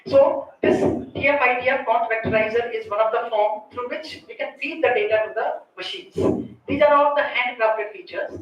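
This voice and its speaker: A woman whose voice sits on the high side and who has an Indian accent gives a technical conference talk at normal speed, breaking it down step by step. She frequently checks in with "right?" or "okay" at the end of points. The sound comes from a distant mic in a very echoey space, with faint noise and the highs cut off.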